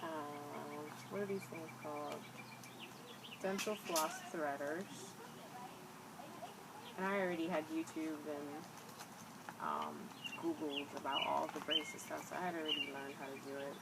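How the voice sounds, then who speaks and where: A young woman vlogger chats casually to camera, rambling hesitantly, with a slight whistle on her s sounds from new braces. Her low, gravelly voice moves at a measured pace with long pauses. It's an amateur home recording with loud background noise.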